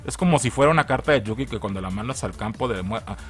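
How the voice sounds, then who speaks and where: A man's voice: lowish voice, lively intonation, fast talker, a bit bright, soft background music. A man with a Mexican Spanish accent giving a casual spoken video review, joking, swearing and laughing often.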